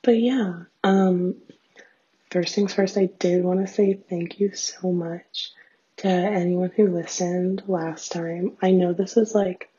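A young adult woman with a raspy voice and vocal fry, chatting casually in a rambling, self-deprecating solo diary full of fillers. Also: lowish voice, steady tone, slow pace, dark tone, slight background noise. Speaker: host of a personal audio diary. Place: small bathroom at home, sitting on floor. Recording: dull, lo-fi home recording.

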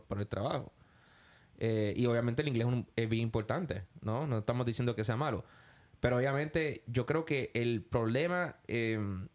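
A Puerto Rican man talks on his podcast in a loose, rambling way. He stumbles over repeated words and mixes in English fillers as he goes. His voice sits at an ordinary, middle pitch. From Puerto Rico. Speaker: podcast host. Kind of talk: casual interview chat.

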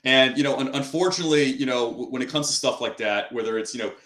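An interview host with a mid-range, slightly bright voice talks fast in long, rambling turns packed with fillers, especially "you know." The recording has a roomy sound.

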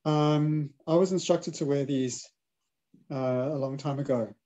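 A man's voice: fairly high pitch, unhurried, rough recording. A man hosting a spiritual conversation, earnestly agreeing and musing about energy and healing. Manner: soft affirming backchannels, earnest. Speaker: podcast host.

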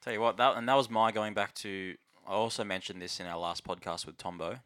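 A man's voice: fairly low pitch, fairly even intonation, fairly quick, fairly bright tone. A man with an Australian accent talking casually about sport as a podcast co-host. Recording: close, dry podcast sound.

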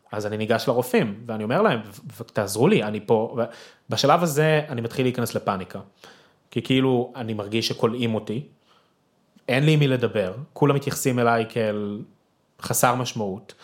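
Man telling a raw personal story. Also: mid-range voice. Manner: emotional retelling, acts out his own shouting. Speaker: podcast guest.

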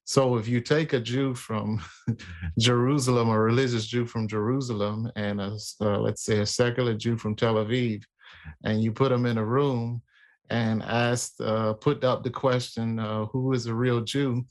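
A man in casual conversation about faith, talking in a halting way with many fillers and restarts. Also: medium pitch, fairly even intonation.

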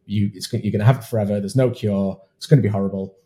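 This podcast host runs a conversational interview in a lowish, steady, mellow voice, speaking rapid-fire. He's talkative and encouraging, often starting his sentences over.

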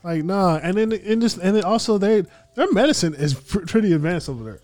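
A man's voice: sits high, lively intonation, brisk, a little mellow, no echo. A man co-hosting a casual podcast chat, slangy and laid-back, often trailing off with "like". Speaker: podcast co-host.

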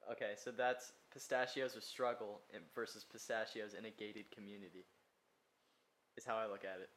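A man's voice: on the low side, little pitch movement, moderate pace, fairly bright tone. A young man co-hosting a casual podcast chat, tossing out jokey quips. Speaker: podcast co-host.

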